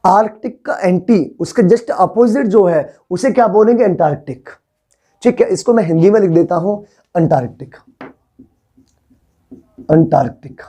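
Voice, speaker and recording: Brief: young male teacher in a classroom, mellow tone, coaxing, repeats words for students to echo. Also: high-pitched, lively intonation, normal speed, pauses often, breathy edge. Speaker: English teacher. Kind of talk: classroom vocabulary lesson.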